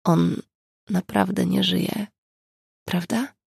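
Brief: narrator voicing a weak, grieving young woman, hushed whisper, dry and close. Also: medium pitch, fairly even intonation, takes it slowly, gravelly, breathy edge, no room sound, full character voice. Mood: despairing. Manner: faint whispering.

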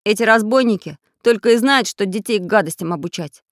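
A woman's voice: medium pitch, expressive, a little fast, no echo, clean studio sound, pitched above the performer's own voice, lightly acted. Woman doing a bossy little iron man. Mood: commanding. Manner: commanding.

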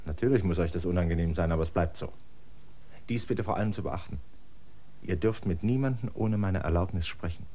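A low, warm male voice, moving fairly quickly, performs the part of a tired land surveyor in a classic German radio play. The character is a middle-aged stranger, weary and suspicious, who commands his assistants firmly.

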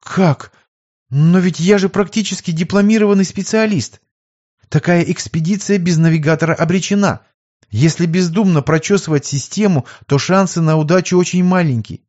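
A man's voice: high voice, moderate pace, a little mellow, pitched above the performer's own voice, natural voice. A man voicing an upset young woman who pleads in a raised, sniffling voice, on a muffled lo-fi recording. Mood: pleading.

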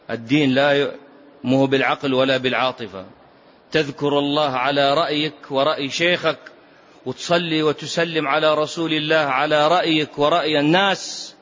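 A man's voice: on the high side, fairly bright tone. A man teaching a religious lesson on a classical text. He repeats key phrases for emphasis and asks his listeners rhetorical questions. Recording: dull lo-fi lecture recording.

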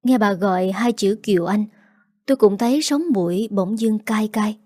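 A woman narrating a first-person audio story in a measured, emotional manner. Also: mid-range voice, dark tone, dry recording, studio quality.

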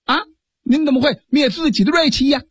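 A man's voice: very high voice, a little fast, dry recording, studio quality, pitched above the performer's own voice. A male storyteller voicing a boastful, contrary bandit chief who taunts and brags. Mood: brash taunting. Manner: brash, taunting.

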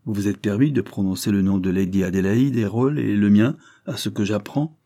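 A man reading aloud voices a light-hearted, mocking Victorian gentleman, teasing in tone. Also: fairly low pitch, fairly even intonation, fairly quick. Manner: teasing, jocular.

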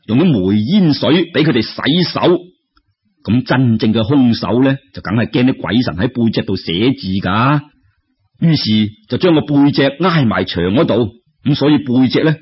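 A man with a Cantonese accent tells a traditional story colloquially, addressing his listeners directly. His voice is medium-pitched and husky, and the recording's high frequencies are cut off.

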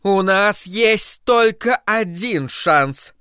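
A man voicing a fanatical old woman who preaches doom in a slow, drawn-out, shrill way. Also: animated, sharp tone, clean tone, dry recording, clean studio sound, full character voice. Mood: frenzied.

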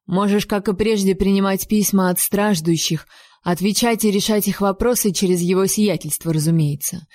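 A woman's voice: medium pitch, moderate pace, a little mellow, no room sound, studio quality, close to an everyday voice. A woman voicing an exasperated male king who snaps curt commands and bursts into theatrical outrage. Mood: stern.

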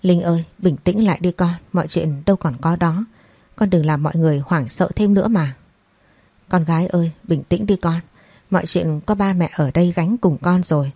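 A woman plays a frightened mother comforting her daughter in tender words. The voice is low and mellow, recorded dry. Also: moderate pace, breathy edge, no room sound. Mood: soothing. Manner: soothing, tender.

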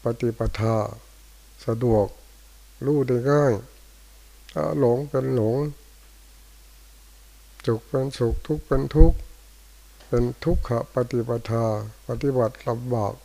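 An older male Buddhist monk, giving a dharma talk in short, unhurried phrases with pauses. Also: medium pitch, warm tone, rough recording. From Thailand. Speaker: monk teacher. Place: monastery hall after morning chanting.

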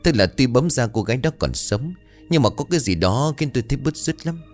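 A man's voice: mid-range voice, lively intonation, brisk, faint music behind, voice pushed up, natural voice. A man voicing an old male fortune-teller who speaks solemnly in a spoken ghost story. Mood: grave.

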